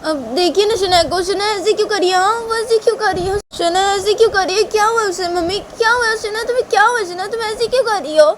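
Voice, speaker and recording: A woman's voice: extremely high pitch, fast talker, hardly any pauses, noisy background, voice pushed up. A woman doing a pleading young woman. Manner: pleading, repeating questions.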